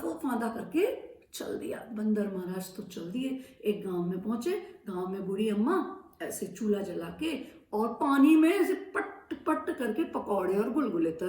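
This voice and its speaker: A woman telling a children's story in a lively, expressive, playful way. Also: on the high side. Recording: echoey room from a distance.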